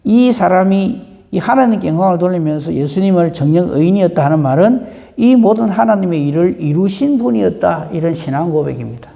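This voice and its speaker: A man preaching a dawn prayer sermon in a conversational way, often clearing his throat and asking the congregation questions. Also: high-pitched, animated, fairly quick, mellow, big-room sound. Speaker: pastor.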